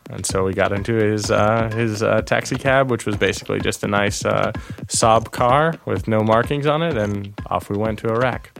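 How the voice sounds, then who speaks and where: A man's voice: fairly low pitch, steady tone, moderate pace, vocal fry, a bit bright, faint music behind. Rambling man telling a travel story. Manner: rambling, self-interrupting, laughs at own story. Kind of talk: casual storytelling conversation.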